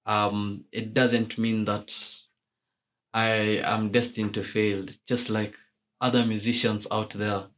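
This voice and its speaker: A young man from Kenya answering radio interview questions about his music, with many fillers and restarts. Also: on the low side. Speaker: musician guest.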